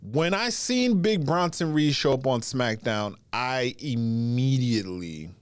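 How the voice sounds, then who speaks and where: With a medium pitch, lively intonation, and smooth tone, a wrestling podcaster gives casual solo commentary while still congested from a cold. His phrases stretch out with pauses along the way, and there's no echo.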